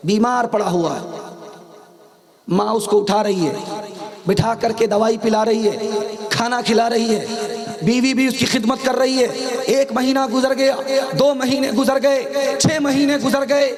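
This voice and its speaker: A man's voice: extremely high pitch, fairly even intonation, measured pace. A man preaching a sermon, telling stories and acting out the quotes of the people in them. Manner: storytelling with acted quotes. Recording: hall reverb, crowd audible.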